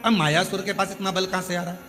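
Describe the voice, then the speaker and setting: A man with a Madhya Pradesh Hindi accent delivers a live devotional sermon at a large gathering. He drives each point home with repeated rhetorical questions in a somewhat high voice. Long reverb from the venue hangs on his words. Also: steady tone, fast talker, pushed and bright. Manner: emphatic, repetitive rhetorical questions to the audience. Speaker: katha preacher. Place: large outdoor katha pandal. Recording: long hall reverb with faint music.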